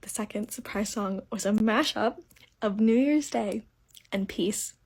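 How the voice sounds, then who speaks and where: A woman's voice: mid-range voice, unhurried, husky. A young woman vlogging casually about her crochet project, chatty and enthusiastic as she counts stitches and numbers aloud.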